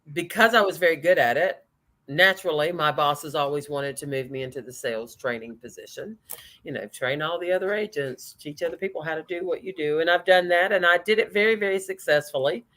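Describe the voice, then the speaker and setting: Lady sales coach, lowish voice, chatty storyteller guest. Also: fairly bright tone. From North Carolina, USA.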